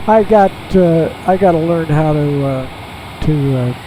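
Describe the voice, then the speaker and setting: A man flying a small jet who talks through each step in a relaxed, halting way, heard over a pilot headset in the cockpit. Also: on the high side. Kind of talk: casual narration while flying. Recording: steady cockpit and engine noise.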